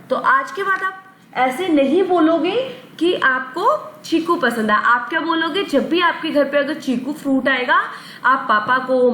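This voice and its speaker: A woman teaches a vocabulary lesson to children. Her voice sits high, and she keeps asking questions and answering them herself. The room around her is echoey, with a faint hiss behind. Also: fairly bright tone. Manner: repeats questions and answers, coaxing. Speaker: English teacher.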